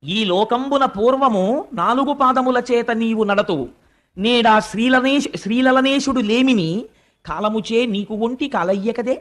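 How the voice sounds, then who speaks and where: A man voicing Mother Earth as a grieving sacred cow, lamenting and reciting verse slowly in a high voice. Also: fairly bright tone. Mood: recited lament.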